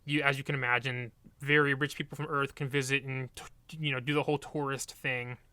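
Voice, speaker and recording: A man co-hosting a book podcast, summarizing a novel in a relaxed way and often correcting himself. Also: medium pitch, fairly quick, clean tone, dry recording. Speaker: podcast co-host. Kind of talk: casual book review chat.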